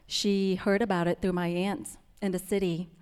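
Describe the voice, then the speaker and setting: A young woman from Vietnam with a Vietnamese accent, softly telling her personal story to an audience, with many pauses and restarts. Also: lowish voice, flat delivery, smooth, big-room sound. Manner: soft-spoken, with frequent ums and restarts.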